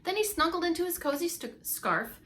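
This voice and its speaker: A woman with a very high voice and big swings in pitch reads a children's story briskly, her tone a bit bright. Like a preschool teacher, she leans into dramatic emphasis and turns aside to address the young audience. Slight background noise is present.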